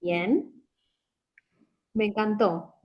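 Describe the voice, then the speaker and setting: A woman, a guest on the show, calmly teaching job interview communication with frequent fillers and worked examples. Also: medium pitch, extremely slow, dull audio. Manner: didactic, hesitant fillers, gives spoken examples. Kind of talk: explanatory interview talk.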